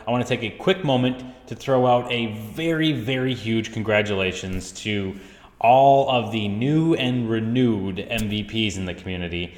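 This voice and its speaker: Man talking in a big echoing empty house. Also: mid-range voice. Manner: chatty and self-joking. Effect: big hall-like echo. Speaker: show host. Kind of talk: casual tech news recap. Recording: echoey empty house with long reverb.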